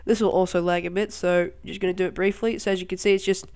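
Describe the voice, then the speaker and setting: Casual game-tutorial host, excitable, laughs and exclaims easily, rambling and chatty delivery. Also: mid-range voice, fast, smooth. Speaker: channel host.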